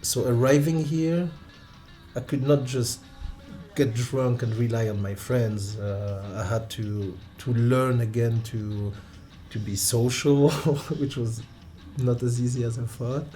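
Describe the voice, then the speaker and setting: Soft music plays behind a mellow, medium-pitched voice as this thirty-something Romanian man, a non-native English speaker, casually recounts personal stories in an interview. He halts and starts over frequently, chuckling as he goes.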